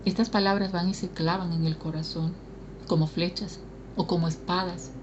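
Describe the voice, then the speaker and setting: A woman's voice: on the low side, fairly even intonation, normal speed, dull audio, background noise. Woman preaching a sermon. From Bolivia. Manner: earnest, questioning the congregation.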